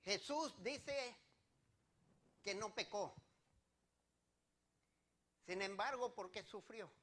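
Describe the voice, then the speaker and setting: Preaching to his congregation, a male pastor throws out rhetorical questions and shifts from loud declarations to quiet asides. His voice sits high, and he draws out his words.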